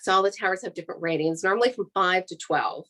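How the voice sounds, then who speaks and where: An American-accented woman who works as an air traffic controller gives an informal career talk, explaining things in a practical, plain-spoken, conversational way. Her voice is on the low side yet fairly bright, and she talks fast.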